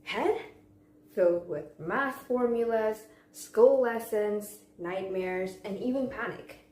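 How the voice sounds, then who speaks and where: A young woman delivers a memorized contest speech in a deliberate, theatrical way, with pauses and rhetorical questions. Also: mid-range voice, mellow. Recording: echoey room with faint background noise.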